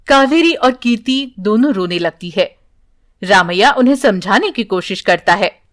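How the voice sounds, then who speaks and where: A woman narrating a children's story in a measured, scripted storytelling manner. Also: mid-range voice, expressive.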